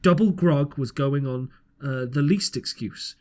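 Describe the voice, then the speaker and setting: This man reads a scripted storybook as amateur audiobook narration, sincere in tone, occasionally stumbling on words. His voice is mid-range and darkish, delivered at a measured pace.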